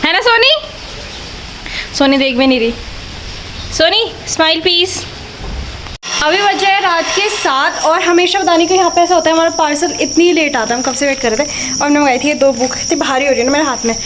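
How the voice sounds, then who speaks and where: A woman's voice: high-pitched, fast talker. A young woman chatting casually in a home vlog, telling childhood stories and often breaking into giggles. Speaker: vlogger. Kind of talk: casual vlog chat and storytelling. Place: home, kitchen. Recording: echoey room with faint background noise.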